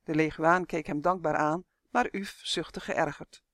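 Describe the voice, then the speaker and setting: A storyteller reading a children's fantasy audiobook in a calm, measured way. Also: medium pitch, no echo, clean studio sound. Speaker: audiobook reader. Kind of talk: storybook narration.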